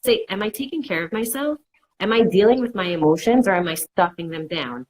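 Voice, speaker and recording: A woman's voice: medium pitch, animated, fairly quick, a little mellow, poor audio. A woman counselor giving casual, reassuring advice and acting out worried inner voices in quotes. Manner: reassuring, repeats "it's okay". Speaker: mental health counselor. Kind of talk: conversational advice.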